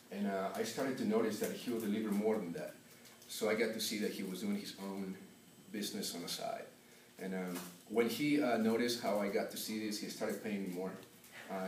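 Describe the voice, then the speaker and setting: For a class assignment, a young man raised in Peru tells a personal story, often pausing on filler sounds. His somewhat low voice is heard from a distance in an echoey classroom, with a faint hum behind it.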